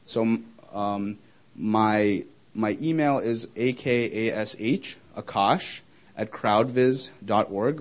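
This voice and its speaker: A young man presenting his product to a live group of users and answering their questions. He talks casually and warmly, with plenty of fillers, and laughs easily. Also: fairly low pitch. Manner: friendly, chatty, laughs easily, many fillers. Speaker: startup founder presenting to users.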